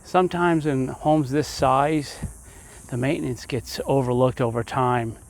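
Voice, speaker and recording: A man's voice: mid-range voice, fairly even intonation, unhurried, low-quality recording. A man walking through a house, garage and yard, giving an easygoing home tour and thinking aloud as he goes.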